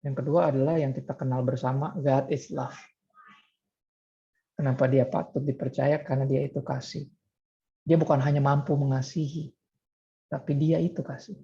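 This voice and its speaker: Gravelly, mellow-voiced male pastor preaching. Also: mid-range voice, flat delivery, moderate pace, pauses often, lo-fi sound. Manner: conversational preaching with frequent rhetorical questions. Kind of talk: sermon.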